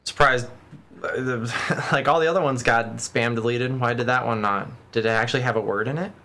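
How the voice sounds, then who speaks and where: A man's voice: medium pitch, brisk, sharp tone. A man streaming a video game, switching between casual commentary and reading the game's text aloud. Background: game music.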